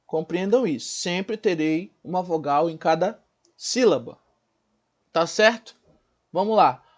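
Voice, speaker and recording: High-voiced male teacher. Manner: explains slowly, spells out sounds and asks the class questions. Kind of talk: recorded school lesson.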